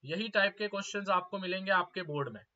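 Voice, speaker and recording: Urgent bright-voiced male teacher. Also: high-pitched. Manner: urgent, pushes students to answer fast, repeats questions. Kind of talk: live exam-prep class. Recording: slightly dull lo-fi audio.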